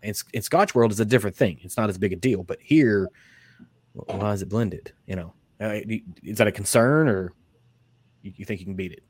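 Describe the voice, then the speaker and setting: Podcast host, male, lowish voice, rambling casual delivery, dry close recording. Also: brisk, darkish tone, slightly rough, dry recording. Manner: rambling, many restarts and fillers. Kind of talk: casual interview chat.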